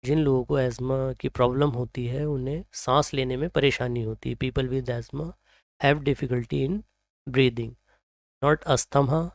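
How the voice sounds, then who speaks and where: A man with an Indian accent teaching English pronunciation, reading example sentences slowly and then explaining them. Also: medium pitch, steady tone, gravelly, dry recording. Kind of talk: slow explanatory lesson, mixing Hindi and English.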